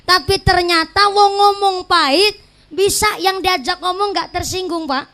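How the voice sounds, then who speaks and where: A woman preacher with a high voice and a Banyumas Javanese accent delivers a comic sermon. She tells playful stories and slips regional dialect words into her talk. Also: measured pace, bright, forceful tone. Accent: Banyumas Javanese (Ngapak). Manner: jokey storytelling, mixes regional dialect words into Indonesian. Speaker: Islamic preacher. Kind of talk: humorous sermon.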